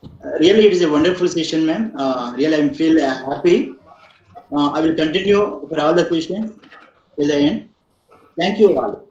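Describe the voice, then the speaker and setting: A man from a technology institute gives quick, eager thanks over a video call. His voice is fairly high, and the sound is muffled and echoey. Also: a little mellow. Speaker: institute faculty member.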